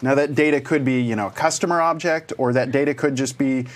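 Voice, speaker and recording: A man co-presenting a programming course, explaining slides step by step in a relaxed way with dry humor. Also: medium pitch, brisk. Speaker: co-presenter of a web development course. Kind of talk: casual technical explanation.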